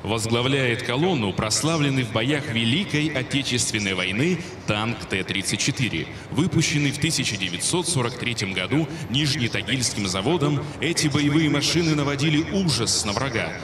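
A man's voice: medium pitch, lively intonation, normal speed, noisy background. A man reading solemn scripted ceremonial commentary as a parade announcer, stately and declamatory. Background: loud music.

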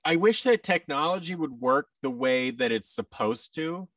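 Speaking from an indoor room on a video call, a thirty-something audio drama creator guesting on a podcast chats casually and acts out quoted exchanges with plenty of animation. His voice is a little high and moves at a normal speed. The recording through his boom-arm microphone with headset is dry and clean like a studio, though the mic sounds distant.

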